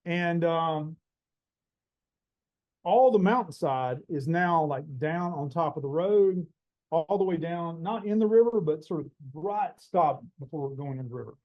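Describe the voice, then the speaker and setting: A man in his forties, a botany professor, telling a story in a casual, animated way and acting out the dialogue. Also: a little high, unhurried, dull audio. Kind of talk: storytelling talk.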